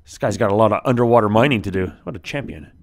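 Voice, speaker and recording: A man's voice: lowish voice, rapid-fire, a little hiss or hum. A man giving casual let's play commentary, chatty and talking to the creatures in the game.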